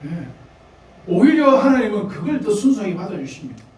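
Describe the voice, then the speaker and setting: A man's voice: high-pitched, sing-song, fairly quick, a little mellow, heavy reverb, far from the mic, low-quality recording. A man with a Gyeongsang Korean accent preaching a sermon, talking conversationally to the congregation with laughs and asides. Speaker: pastor. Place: church sanctuary.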